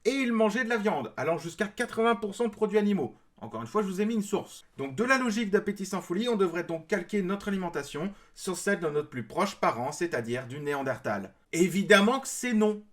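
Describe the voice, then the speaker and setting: A man's voice: high-pitched, expressive, fairly quick, hardly any pauses, fairly bright tone. A man from France giving a critical commentary in reply to a clip, explaining his points with mild sarcasm. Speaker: video creator responding to a clip.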